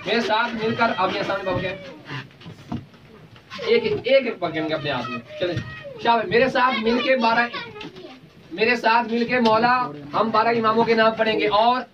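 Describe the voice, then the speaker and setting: A man's voice: high-pitched, normal speed, pauses often. A man leading a children's celebration, coaxing and cheering the kids on as he calls out chants for them to repeat. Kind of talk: call-and-response chanting with children. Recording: distant lo-fi mic with loud crowd noise. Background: loud chattering children.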